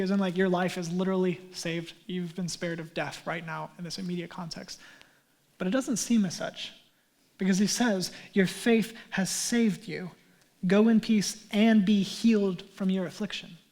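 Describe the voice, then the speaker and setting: Male pastor, fairly high voice, conversational sermon delivery that falls to near-whispers on key points. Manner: earnest, conversational, drops to a hush for emphasis; casual asides with fillers like "like".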